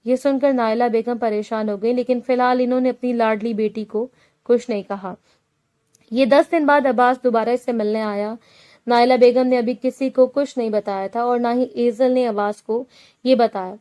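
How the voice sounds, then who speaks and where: A woman's voice: on the high side, steady tone, mellow. Woman narrating a romance novel. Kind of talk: scripted narration.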